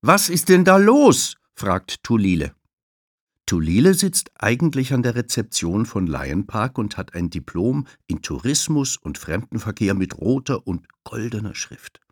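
Slow, expressive male storyteller. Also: fairly low pitch, husky, no room sound, clean studio sound. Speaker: audiobook narrator. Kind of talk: children's audiobook narration.

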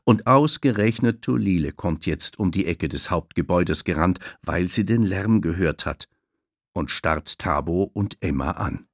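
A man reads a children's story aloud in a slow, expressive way. His voice sits low and moves lively through each sentence. The sound is dry and close, with no room behind it. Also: slightly rough, no room sound. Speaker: audiobook narrator. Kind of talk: children's audiobook narration.

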